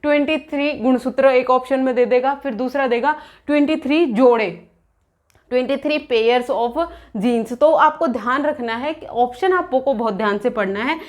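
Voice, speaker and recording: High-voiced woman teaching an exam lesson. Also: normal speed. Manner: explains by asking questions and answering them; restates terms in both English and Hindi. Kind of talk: exam-prep lecture.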